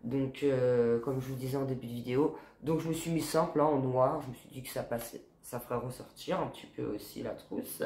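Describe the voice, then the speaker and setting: This beauty-box unboxing vlogger, a woman in her forties, talks a little fast with few pauses in a very deep, rough smoker's voice made nasal by congestion. Tired and stuffed up, she keeps the chat to camera loose and chatty, peppering it with "quoi" and "hein," and the echoey room gives it a roomy sound.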